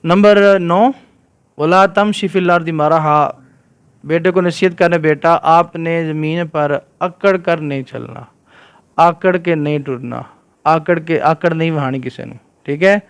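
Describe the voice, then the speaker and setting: A man's voice: fairly high pitch, clean tone. A man giving a religious lesson to children, reciting verses in Arabic and often asking his listeners whether they follow. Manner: keeps quizzing listeners with "right?". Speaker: Islamic scholar teaching children.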